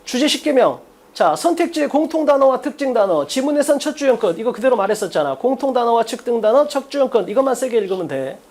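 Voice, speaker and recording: Guy teaching english test prep, talks super quick, swings his pitch all over, keeps asking students questions. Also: very animated, darkish tone. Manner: blunt, casual, swears, asks students rhetorical questions; repeats key phrases often. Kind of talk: lecture.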